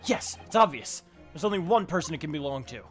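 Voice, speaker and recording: A man's voice: a little high, animated, fairly quick, soft background music, close to an everyday voice. A man playing an earnest defendant arguing his case in a courtroom game, emphatic and determined.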